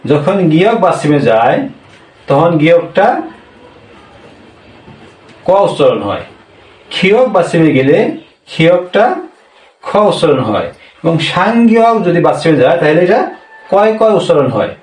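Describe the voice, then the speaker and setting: A man's voice: on the high side, very animated, darkish tone, distant mic. Patient man teaching a language lesson. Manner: slow, repeats each point, asks questions and answers them himself. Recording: roomy, from off the mic.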